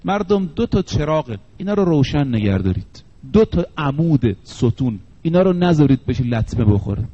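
A man, a cleric, preaching a sermon and slowing down to stress the sayings he quotes. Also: a little high, sing-song, mellow, dull audio.

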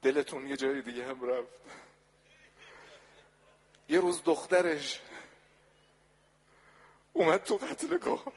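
A man giving a mourning sermon, telling a sorrowful story softly and then swelling into loud lamenting cries. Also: on the high side, sing-song, pauses often. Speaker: religious eulogist. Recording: long reverb of a hall.

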